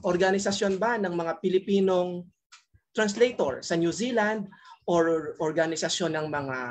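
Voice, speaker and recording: A man moderates an online forum and poses questions to a guest. He speaks formally and courteously, with respectful particles throughout. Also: sits high.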